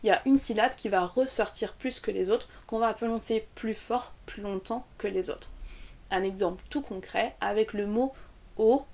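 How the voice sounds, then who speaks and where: A young French woman teaching English pronunciation in an online lesson, explaining clearly and saying example words slowly. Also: mid-range voice, a little mellow.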